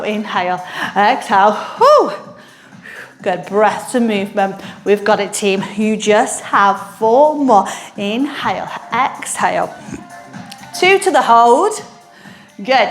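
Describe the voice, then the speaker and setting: High-voiced woman aerobics instructor coaching a workout. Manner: encouraging, energetic coaching. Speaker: barre fitness instructor. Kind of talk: aerobics instructor cueing a workout with counted commands.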